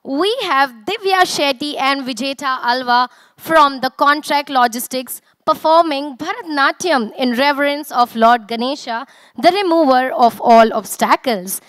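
A young woman with an Indian accent works as a stage emcee at a corporate event. Her voice is high and comes through dry and close on the microphone. She announces with energy, projecting out to rouse the audience. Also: a little slow, no room sound. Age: young adult. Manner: energetic, projected, rousing delivery. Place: large auditorium stage. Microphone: handheld and podium microphone.

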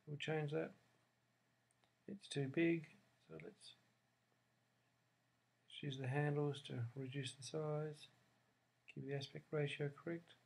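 A man talking through a software screen recording step by step, thinking aloud as he goes, recorded at his desk. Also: on the high side, little pitch movement, slow pace, creaky, pauses often. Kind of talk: screencast tutorial narration.

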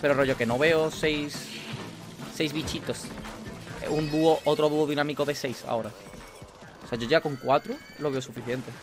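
A young man with a Spanish accent from Spain, chatting casually while playing a video game, excitable and swearing at the game. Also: fairly high pitch, normal speed. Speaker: gaming YouTuber. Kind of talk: casual gameplay commentary. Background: video game music.

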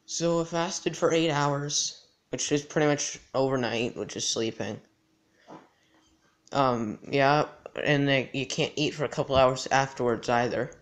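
A teenage male vlogger chatting casually and haltingly, with his mouth not fully closing after dental surgery. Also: mid-range voice. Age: teens. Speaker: gaming channel host. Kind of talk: casual vlog chat to camera. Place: indoors in a house. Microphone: handheld device at arm's length.

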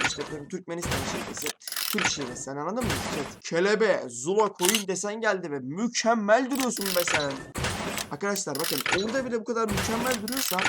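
A young man giving casual, rambling gameplay commentary to his viewers, talking very fast. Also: high voice. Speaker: gaming YouTuber. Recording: loud background noise.

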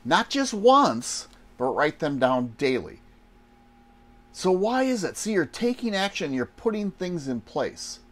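Higher-voiced older man inside a small trailer. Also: sing-song, measured pace, fairly bright tone. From Wisconsin, United States. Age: 60s. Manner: folksy, asks and answers rhetorical questions. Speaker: online business coach. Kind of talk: casual motivational vlog talk to camera.

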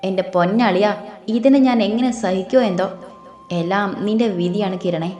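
A woman's voice: mid-range voice, moderate pace, mellow, close to an everyday voice. A woman voicing a cheeky young man who jokes in a mock-serious way. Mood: joking. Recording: echoey room.

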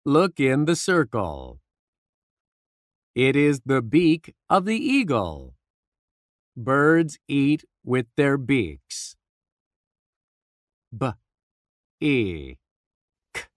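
A woman narrating a phonics lesson for young children in simple, deliberate sentences, as if reading to a toddler. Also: a bass voice, wildly swooping pitch, dry recording, studio quality.

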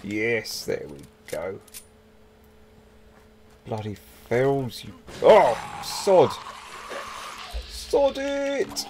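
A man's voice: medium pitch, wildly swooping pitch, very slow, long pauses, noisy background. A young man chatting casually through a let's-play, swearing mildly and talking to the game's characters. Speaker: gaming video host.

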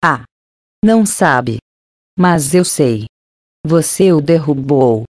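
A woman narrator puts on a haughty, hot-tempered young mistress from an audiobook, scornful and snapping. Her voice sits low and mellow, recorded close and dry. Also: lively intonation, slow pace, no room sound, exaggerated voice.

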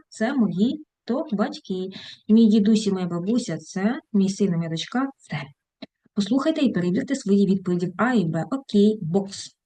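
A woman English teacher with a mellow, soft-edged voice reads out textbook words and dialogues. She translates each line as she goes. She adds fond little asides to her students. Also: mid-range voice. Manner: affectionate diminutives to students. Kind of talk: online English lesson.

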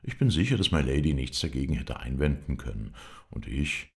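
A man's voice: very deep voice, big pitch swings, a little fast, creaky, heavily acted. A man voicing a talkative, teasing young English lord in a storybook reading. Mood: chatty.

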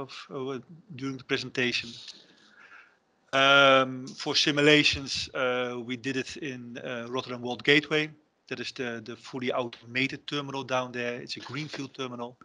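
Speaking through a headset on a video call, this Dutch terminal IT director in middle age presents at an online conference. The pitch is mid with a bright, forward edge; his delivery is hesitant, peppered with ums, restarted sentences, and non-native phrasing.

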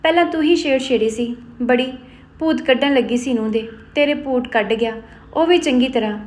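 A woman's voice: high voice, a little fast, lightly acted. A woman voicing a teasing older village man who jokes and mocks. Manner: teasing, laughing.

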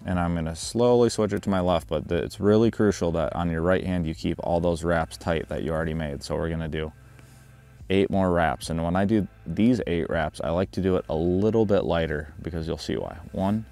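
A man's voice: deep voice, brisk, faint music behind. A man hosting a fishing vlog outdoors on a river, chatting casually and explaining his rig and knot step by step. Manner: relaxed, chatty, instructive. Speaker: fishing guide and vlog host.

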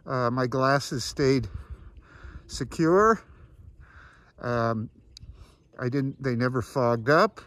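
A man giving a casual, chatty product review through a face mask, often pausing on fillers. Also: mid-range voice, no echo. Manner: relaxed, chatty, halting with fillers. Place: outdoors at high altitude.

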